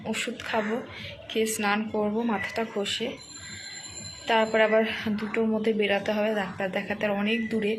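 A young woman from Bengal, hoarse and rough-voiced, stumbling over words as she talks through a casual daily vlog. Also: medium pitch, background noise. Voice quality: rough, cracking voice. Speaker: vlogger.

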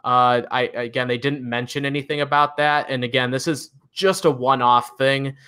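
A man's voice: medium pitch, fairly even intonation, moderate pace, pushed and bright, clear, resonant tone. A man with a Midwestern accent co-hosting a car news recap, talking in an enthusiastic, chatty way. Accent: Midwestern American. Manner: chatty, enthusiastic, frequent fillers and laughs. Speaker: co-host of a car news show. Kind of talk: casual news recap chat.

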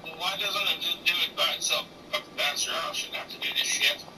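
A woman's voice: on the low side, fairly even intonation, brisk, far from the mic, noisy background. A woman in her forties chatting casually while streaming a game, blunt and profane and teasing, turning preachy when she talks about faith. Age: 40s. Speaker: gaming streamer.

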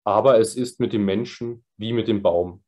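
A man voicing a calm old sage who speaks in a grave, measured teaching tone. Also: fairly low pitch, close to an everyday voice.

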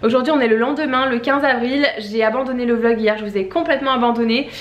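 A woman's voice: a little high, fairly even intonation, fast talker, lo-fi sound. A young woman vlogging casually at home, chatty and rambling with many fillers. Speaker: beauty vlogger. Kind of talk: casual vlog chat. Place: at home, indoors. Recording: echoey room.

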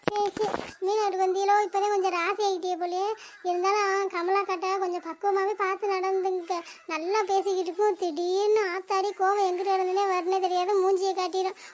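A woman's voice: very high voice, level tone, brisk. A woman voicing a chatty, gossiping middle-aged neighbor in a cartoon. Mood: gossipy. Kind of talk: cartoon voice acting.

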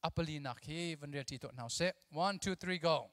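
A man in his thirties gives an energetic, animated sermon to a youth audience from a church auditorium stage. He talks into a handheld mic, mixes English with his own language, and drills the crowd with call-and-response. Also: a little high, brisk, no echo, long reverb tail. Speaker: youth conference speaker.

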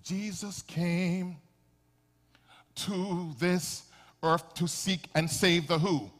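A man preaching a sermon, calling out to the congregation and swinging between shouts and quiet asides. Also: sits high, fairly even intonation, extremely slow, long reverb tail. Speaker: pastor. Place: church sanctuary.

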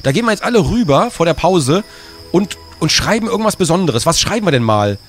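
A man's voice: fairly high pitch, big pitch swings, fast, faint music behind. A man streaming live, joking with his chat in a playful, teasing way.

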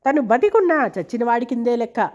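A woman reading a novel aloud in a steady, measured storytelling manner. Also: fairly high pitch. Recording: dull lo-fi recording.

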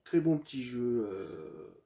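A man's voice: medium pitch, very animated, slow pace, vocal fry, dark tone. A man presenting his video game collection in a casual, hesitant way, with many fillers and restarts, addressing viewers as friends.

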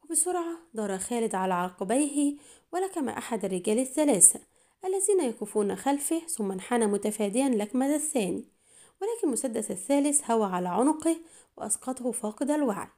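A woman narrating a thriller novel as an audiobook, in a steady, measured reading. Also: on the high side.

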